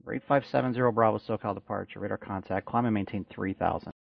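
A man's voice: on the low side, fast talker, vocal fry. A man working as an air traffic controller, speaking in procedural radio style on dull, lo-fi audio.

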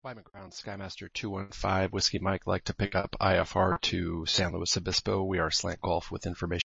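A man's voice: deep voice, level tone, a little fast, vocal fry, bright, forceful tone, breathy edge, dry recording. A man talking as a pilot through a cockpit headset radio, making clipped, terse radio calls to air traffic control. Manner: clipped, terse radio phraseology with brief hesitations. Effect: pilot talking over a cockpit headset radio. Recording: muffled radio transmission.

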